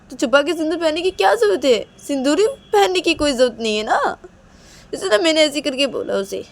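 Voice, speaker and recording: A woman's voice: mid-range voice, mellow, pitched above the performer's own voice, lightly acted. A woman voicing a heartbroken young woman who insistently repeats herself.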